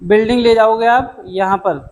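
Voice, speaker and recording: High-voiced male commerce tutor. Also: steady tone, a little mellow, low-quality recording. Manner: brisk and chatty, addresses students as "beta" and "dost"; mixes English terms into explanations. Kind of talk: classroom lecture.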